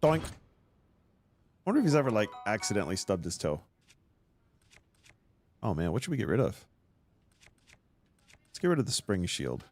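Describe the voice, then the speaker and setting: A man's voice: lowish voice, sing-song, moderate pace, long pauses, a little hiss or hum. A man hosting a let's play, giving casual, teasing commentary as he plays. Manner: playful, teasing, wry asides.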